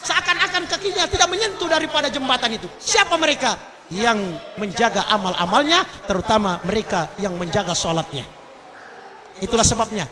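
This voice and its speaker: A man preaching a sermon at a large gathering, fervent, swinging between loud outbursts and low murmured exclamations, with chanted Arabic verses. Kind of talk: sermon at a mass religious gathering. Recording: crowd audible behind the voice.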